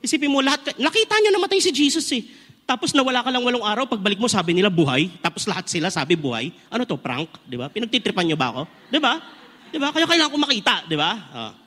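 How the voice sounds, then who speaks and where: A man in his forties preaching at a conference, telling funny personal stories and asking the crowd questions. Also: fairly high pitch. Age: 40s. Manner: animated, humorous storytelling, asks the crowd questions. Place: large indoor conference hall. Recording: long reverb of a large hall.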